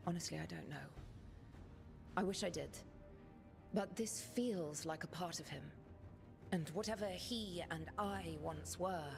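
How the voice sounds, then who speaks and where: An actress voicing the Inquisitor, a seasoned woman leader who speaks earnestly and falters when moved, in a fantasy game over music. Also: fairly low pitch. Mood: wistful. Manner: earnest, halting when emotional. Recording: game audio with music underneath.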